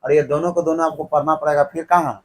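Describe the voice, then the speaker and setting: A man lecturing a classroom in with a tinge, his voice sitting a bit high. He fires questions at the class and fills in the answers himself, keeping the lesson moving. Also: flat delivery, quick pace, low-quality recording. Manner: keeps quizzing the class, then answering himself. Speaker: teacher. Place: classroom with students.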